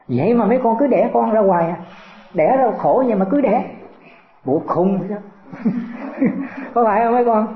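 An older man, a Buddhist teacher giving a folksy dharma talk to disciples, full of rhetorical questions. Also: sits high. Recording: echoey room over a tinny phone-like line.

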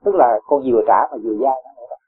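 A man, a Buddhist teacher giving a gentle dharma talk with homely examples and chuckles. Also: mid-range voice, animated, rapid-fire, husky. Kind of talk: dharma talk answering a follower. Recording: tinny phone-like lo-fi sound.

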